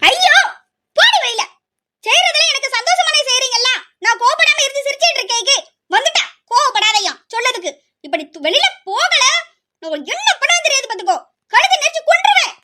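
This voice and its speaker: A woman's voice: very high-pitched, fast, background noise. A woman voicing a furious young woman who refuses an arranged marriage, snapping and threatening. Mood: angry. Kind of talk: amateur family drama.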